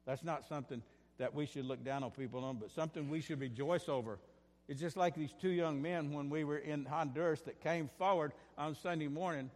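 A man preaching a sermon as pastor, impassioned, swinging between bursts of fervor and quieter asides, often repeating his phrases. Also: fairly high pitch, brisk, in a large hall. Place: church sanctuary.

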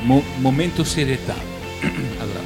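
A man's voice: medium pitch, unhurried. A man hosting a radio show with jokey, casual live banter, rambling and stumbling over words, often laughing as he talks. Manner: clownish, laughs while talking. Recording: music behind the voice. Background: music.

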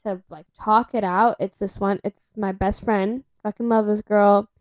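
A woman's voice: mid-range voice, steady tone, measured pace, darkish tone, no room sound. A woman co-hosting a podcast in casual chat, blunt and casually swearing, with lots of fillers. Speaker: podcast co-host.

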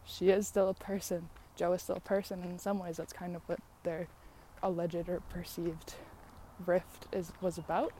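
A young American woman from San Diego, her voice lowish and dark with a level tone and moderate pace, chats alone while out walking near traffic. She rambles, muses, gushes, and laughs easily, as passing trucks and other vehicles add ambient noise.

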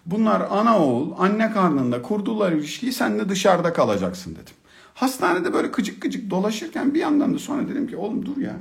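Lively gravelly-voiced middle-aged man telling stories. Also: sits high, fairly quick. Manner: expressive, humorous, colloquial, swings from hushed to excited. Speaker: speaker telling a personal story about fatherhood. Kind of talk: storytelling talk.

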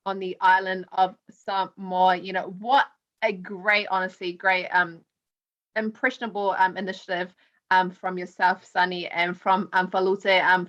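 A woman podcast host speaks at a middle pitch. She chats to her live audience in an appreciative, gushing way, informal and conversational. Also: a bit bright, muffled recording. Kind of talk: chatty live podcast hosting.

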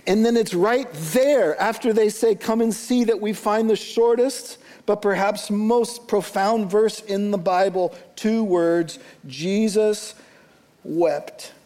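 A man preaching a sermon as pastor, slow and deliberate, dropping soft and then rising with emphasis. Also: high-pitched, big-room sound.

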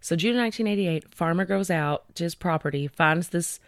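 A woman co-hosting a true-crime podcast chats casually through cases, leaning on fillers and reading details at a slow pace. Her voice is lowish, and the recording is dry with clean studio sound.

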